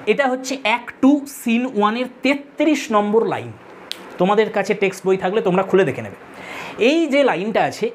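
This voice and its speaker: Speaking with a Bengali accent, a woman teaches a literature lesson to exam students, explaining step by step, counting aloud and repeating key terms. Her voice is a little high, with slight background noise.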